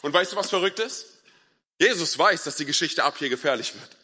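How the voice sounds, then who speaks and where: A man preaching a lively, playful sermon to a young church crowd, dropping in bits of English slang. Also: on the high side, fairly quick, husky, in a large hall.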